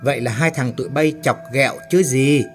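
A man's voice: mid-range voice, a little fast, faint music behind, lightly acted. A man voicing a timid young male worker who is easily frightened and full of questions. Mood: nervous. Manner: nervous, questioning.

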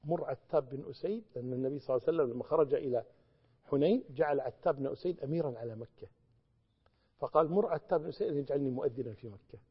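A man's voice: medium pitch, very fast, husky. A man with a Gulf Arabic accent teaching Quran commentary, explaining and reciting phrases with growing emphasis. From Kuwait. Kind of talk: religious lesson, Quran commentary. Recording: long reverb, dull lo-fi sound.

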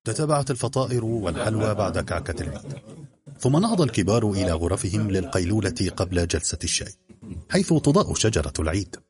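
A man narrating a story in an expressive, varied delivery. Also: lowish voice, fast talker, crowd noise. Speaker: audiobook narrator.

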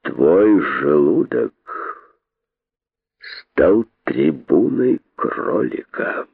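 A cold, contemptuous serpent ruler, put on by a male reader hisses out verdicts with unhurried menace. The storybook voice is husky and drops deep on its threats. It comes through thin and phone-like, with no room around it. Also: no room sound. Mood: menacing. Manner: slow, hissing, threatening. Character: scornful menacing old python king. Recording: dry tinny phone-like sound.

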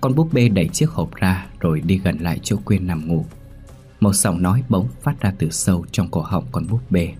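A man narrating a horror story in a steady, measured way. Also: deep voice, faint music behind.

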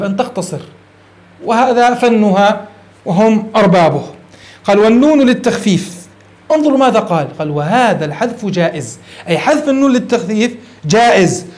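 A man teaching grammar in a classroom lecture, explaining step by step and asking his students questions before answering them himself. He slips into phrasing. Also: sits high.

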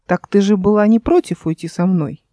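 A woman's voice: mid-range voice, moderate pace, dark tone, no echo, studio quality, lightly acted. A woman voicing a cunning, sarcastic immortal man in a fantasy audiobook, in a sly tone.

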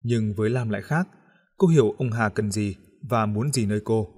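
A man narrating an audiobook novel in a steady, measured storytelling voice. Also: lowish voice, slightly rough.

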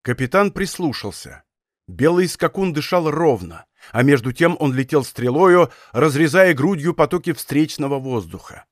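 A man narrating an adventure novel from a studio in a measured, dramatic storytelling manner, recorded on a close microphone. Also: fairly high pitch, expressive, dry recording. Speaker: audiobook narrator. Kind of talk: scripted narration.

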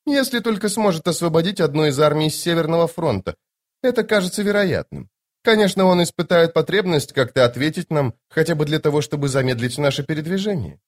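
Brief: male reader doing imperious, flirtatious sorceress woman, high lilting voice, mocking and commanding. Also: lively intonation, fairly quick. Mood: playful. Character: haughty, teasing sorceress woman, playful and imperious. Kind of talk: audiobook character voice.

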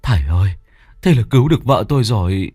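A man voicing a remorseful, weak-willed middle-aged husband who speaks in a halting, sobbing way. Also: lowish voice, expressive, darkish tone, husky, no room sound, clean studio sound. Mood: anxious.

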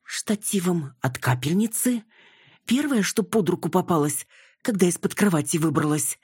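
A woman reading an audiobook, voicing a flustered, theatrical older mother who is an actress, in a high, dramatic and indignant manner. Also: lively intonation, normal speed, a little mellow, breathy edge, no room sound, clean studio sound. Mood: sheepish.

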